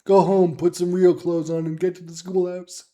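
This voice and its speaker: A man playing a gruff, short-tempered goat herder. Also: high voice, flat delivery, normal speed, mellow, close to an everyday voice. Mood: threatening. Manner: gruff, threatening.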